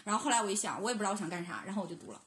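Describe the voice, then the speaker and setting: A woman's voice: medium pitch, very fast, fairly bright tone. A young adult woman co-hosting a casual podcast chat, rambling and laughing between her points. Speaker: podcast co-host. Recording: roomy echo.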